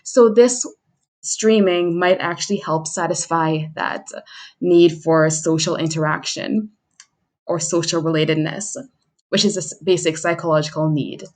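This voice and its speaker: A young adult woman introduces herself as a livestream host in a casual chat monologue, chuckling and being self-deprecating as she talks. Her voice is fairly low and darkish, and she speaks a little slowly.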